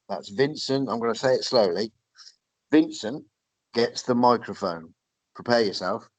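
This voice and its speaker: A man's voice: mid-range voice, a bit bright, no room sound, rough recording. Casting: man, podcast co-host, sarcastic, swears a lot, recorded close and dry. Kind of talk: casual chat reviewing wrestling.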